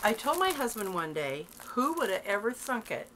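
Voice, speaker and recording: A woman's voice: medium pitch, sing-song, normal speed, background noise. A middle-aged woman vlogging from home, chatting eagerly about her crafting finds and laughing often. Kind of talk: casual show-and-tell vlog.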